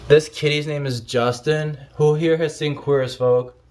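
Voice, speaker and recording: A man's voice: on the high side, fairly even intonation, a little slow, darkish tone. Stoned man on a rambling rant. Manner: scattered, often losing his thread and trailing off. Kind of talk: rambling casual vlog rant.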